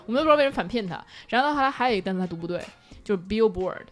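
A young woman, chatting casually and telling animated stories. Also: mid-range voice, racing, soft background music. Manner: animated storytelling, bursts of laughter. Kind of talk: casual chat.

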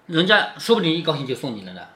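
A man's voice: on the high side, big pitch swings, rapid-fire, pushed and bright, echoey room. A man reading a classic novel aloud to his daughter, stopping often to explain and asking her if she follows. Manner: explaining, keeps asking "right?".

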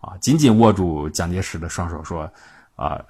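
A man's voice: low-pitched, expressive, moderate pace, warm tone, husky. A man telling history stories in a chatty, colloquial way, with frequent filler sounds. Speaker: history storyteller. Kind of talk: casual spoken history storytelling.

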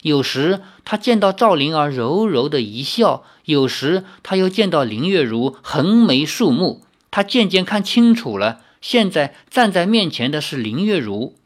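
Lively storyteller reading a novel aloud. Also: medium pitch, unhurried, hardly any pauses. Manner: expressive storytelling with asides. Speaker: audiobook narrator.

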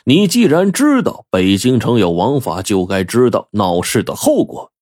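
Man playing a chilly, calculating innkeeper, measured delivery, dry husky voice. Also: fairly low pitch, very animated, darkish tone, no echo, exaggerated voice. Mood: stern. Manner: slow, coldly measured. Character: cold, calculating male innkeeper.

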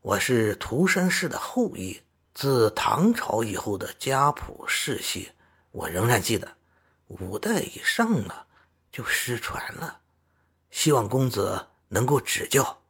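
A man's voice: medium pitch, sing-song, slow, a bit bright, slightly rough, heavily acted. A man voicing a stern old male fox-spirit patriarch in a storybook reading, speaking in a grave, formal, courteous way.

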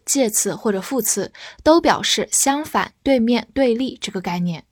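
A slow, deliberate woman teaching vocabulary, spelling words out letter by letter. Her voice sits fairly high. The recording is dry and close, with no room sound. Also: dry recording. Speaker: English teacher. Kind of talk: vocabulary lesson with spelling and slow read-alongs.

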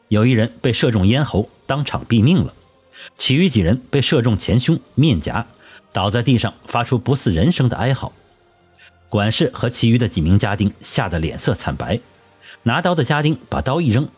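A man narrating a historical audiobook in a measured storytelling manner. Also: mid-range voice. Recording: husky voice over soft music.

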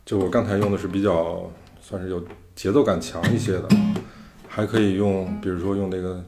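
A man's voice: low-pitched, fairly even intonation, a little fast. A man hosting a podcast, explaining music theory in loose, casual talk. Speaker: podcast host. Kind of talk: casual chat.

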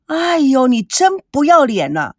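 A woman's voice: sits high, big pitch swings, normal speed, dry recording, studio quality. A woman voicing a spoiled, angry young woman who scolds and interrogates sharply in an audiobook. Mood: outraged. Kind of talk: audiobook character reading.

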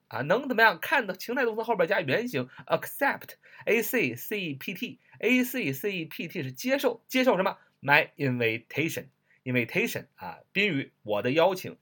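A man teaching an English writing lesson, explaining a phrase, spelling words letter by letter and repeating them slowly. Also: high voice, fairly bright tone. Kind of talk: lively recorded lesson.

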